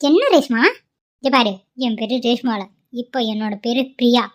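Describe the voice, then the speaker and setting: A woman's voice: fairly high pitch, normal speed, lightly acted. A woman voicing a stubborn, devoted young wife in a cartoon, pleading and insistent. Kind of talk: cartoon voice acting.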